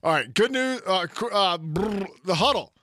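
Higher-voiced man hosting a sports podcast. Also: animated, moderate pace, sharp tone, dry recording, clean studio sound. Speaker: podcast host. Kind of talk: casual sports chat.

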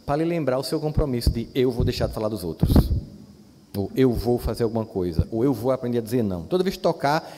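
A middle-aged man from Brazil giving a lively, joking lecture and putting questions straight to his audience. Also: medium pitch, fast talker, slight background noise. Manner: animated, jokey, talks straight to the audience with questions. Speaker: speaker giving a spiritual self-help lecture. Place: large hall. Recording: live lecture in a reverberant hall.

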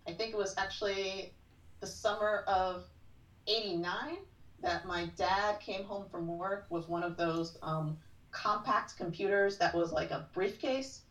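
A woman's voice: mid-range voice, a little slow, fairly bright tone. A woman in her forties, a podcast guest, chatting casually and telling stories with a lot of "like". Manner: chatty storyteller, frequent "like". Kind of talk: casual chat. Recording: roomy, distant from mic.

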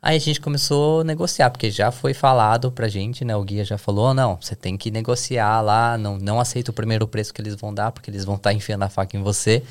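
A man guesting on a podcast, telling a travel story in relaxed, slangy casual chat. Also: on the low side, fast talker, hardly any pauses.

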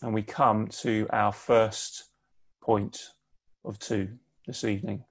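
A man giving a sermon online, speaking in a measured, conversational way with pauses for emphasis. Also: medium pitch, slightly rough. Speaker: preacher. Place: home, preaching online.

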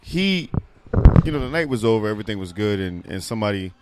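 A man in his thirties co-hosting a podcast in loose, rambling casual chat, loud and quick to laugh. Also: fairly low pitch, very animated, very noisy. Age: 30s. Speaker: podcast co-host.

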